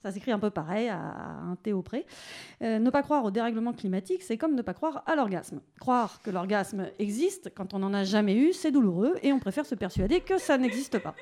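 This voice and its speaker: A woman's voice: on the high side, lively intonation, brisk, dark tone. A young woman giving a satirical radio column in a studio, sarcastic and mocking.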